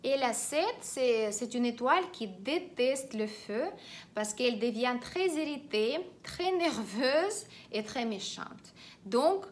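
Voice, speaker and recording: Lady explaining feng shui, slightly high voice, lots of euh and restarts. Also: lively intonation, slow. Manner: hesitant, many filler sounds and restarts; instructive, repeats directives. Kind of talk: explanatory online teaching.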